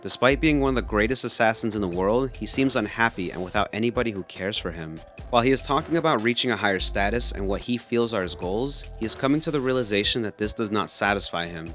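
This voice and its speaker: A man's voice: fairly low pitch, animated, quick pace, few pauses, a bit bright, faint music behind. A man reading scripted narration as a video essayist.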